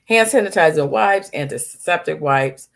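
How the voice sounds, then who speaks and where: A woman doctor runs through travel health advice in a relaxed, chatty way, full of ums and little asides. Her voice has a gravelly, fry-edged texture. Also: low-pitched, normal speed. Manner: chatty, listing tips with many ums and asides. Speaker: physician host. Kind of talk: casual health advice talk.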